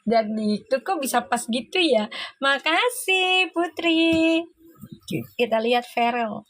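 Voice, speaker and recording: Excitable high-voiced tarot reader woman. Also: takes it slowly, a little hiss or hum. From Indonesia. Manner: excitable, exclaiming, laughing often. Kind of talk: live tarot reading chat.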